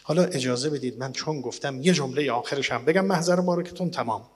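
A man delivering a sermon, reading and translating old texts with dramatic swings between loud declaiming and hushed low passages. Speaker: preacher. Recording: long reverb, as in a large hall.

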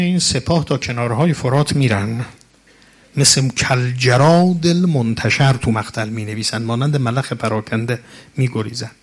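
A man preaching a mourning sermon who recites Arabic passages. He moves between hushed, near-whispered narration and loud, impassioned lament. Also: medium pitch, slightly rough.

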